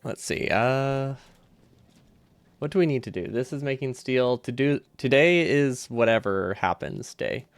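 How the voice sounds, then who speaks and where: A man's voice: medium pitch, unhurried, no room sound. A man chatting casually on a game livestream, easygoing and rambling as he thinks aloud, his speech slightly impeded by a loose dental retainer. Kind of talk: casual livestream chat while gaming.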